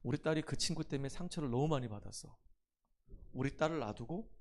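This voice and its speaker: A middle-aged man preaching a sermon as pastor, switching from emphatic preaching to soft personal storytelling. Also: mid-range voice, animated, fast talker.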